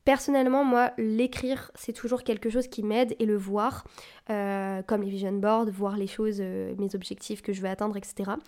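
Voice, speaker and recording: A young woman hosts a casual solo podcast from home, speaking into a desk mic on a boom arm at normal speed. Her voice is mid-range and darkish with a level tone. She chats loosely and encouragingly, calls herself anxious, and uses many fillers and English buzzwords.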